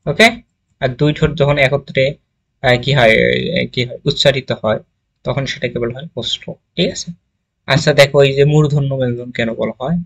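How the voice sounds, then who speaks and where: A man's voice: medium pitch, fairly even intonation, a little fast, long pauses, a bit bright. A man teaching a grammar lesson, asking the class questions, answering them himself and sounding out letters one at a time. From Bangladesh.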